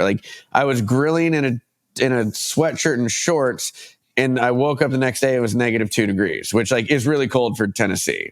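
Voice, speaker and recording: A man in his thirties, a photographer guest on a podcast, chatting casually and rambling with many restarts, his voice stuffed up from allergies. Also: medium pitch. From United States. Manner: rambling, self-correcting, laughs easily. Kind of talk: casual interview chat.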